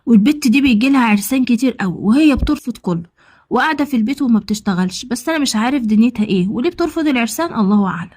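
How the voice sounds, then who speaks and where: A woman with an Egyptian accent tells a story in the first person as a man of about thirty, talking fast and acting out the dialogue herself. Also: on the high side, lively intonation, darkish tone. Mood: eager. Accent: Egyptian Arabic. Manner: rapid, conversational retelling with quoted dialogue. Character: man around thirty, newly married, smitten and confessional.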